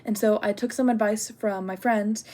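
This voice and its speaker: A woman's voice: medium pitch, fairly even intonation, moderate pace, mellow. A young woman student talking casually through an assignment, full of "like" and "um", candid and getting worked up over a personal story. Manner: chatty, lots of "like" and "um". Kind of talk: casual spoken assignment response.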